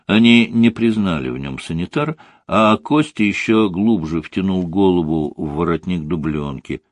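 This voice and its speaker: A man narrating an audiobook with an expressive, storytelling delivery. His pitch moves lively. The recording is close and dry. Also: moderate pace, no room sound. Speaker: audiobook reader.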